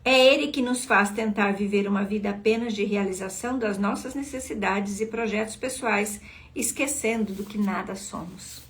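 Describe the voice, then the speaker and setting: A woman's voice: medium pitch, moderate pace. Earnest woman leading a devotional. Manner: earnest, asks listeners questions directly. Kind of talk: devotional teaching reading from a book.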